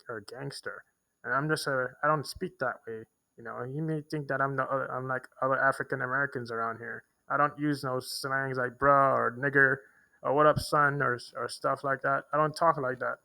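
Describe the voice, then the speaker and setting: A man's voice: medium pitch, gravelly, sharp tone, low-quality recording. A young man telling a long, rambling personal story to the camera, full of restarts and repeated words. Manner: rambling, repetitive, with many restarts and fillers. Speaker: vlogger. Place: homeless shelter in a big city.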